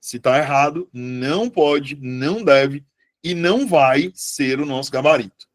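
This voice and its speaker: A man teaching a live online Portuguese lesson, chatty and lively, often putting questions to his students. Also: fairly high pitch, measured pace, no echo, studio quality.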